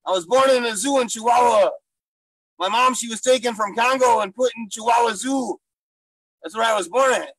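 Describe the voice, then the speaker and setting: A man puts on a gruff male gorilla stand-up comic with a gravelly, rough voice. He talks in broken English, bragging and silly, with loud bursts on the jokes. The sound is close and dry. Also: very high voice, moderate pace, no echo, full character voice, low-quality recording. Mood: boastful. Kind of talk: improvised comedy character interview.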